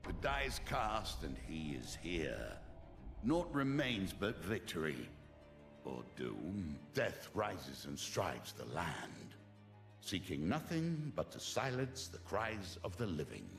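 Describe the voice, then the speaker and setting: An actor voicing an ominous, grandiose wizard narrator in a fantasy game, with theatrical pronouncements and a gravelly voice. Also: male voice, sits low, very animated, a bit bright, faint music behind, full character voice. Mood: grave, foreboding. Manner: theatrical, slow-building pronouncements. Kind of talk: dramatic fantasy game voice-over.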